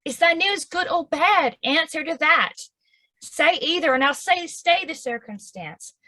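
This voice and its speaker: An actress plays an impatient young girl in love who speaks with a Southern accent. Her voice is high and bright, and she pleads in slow, measured verse. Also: animated, full character voice. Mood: pleading. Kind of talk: stage acting of verse drama.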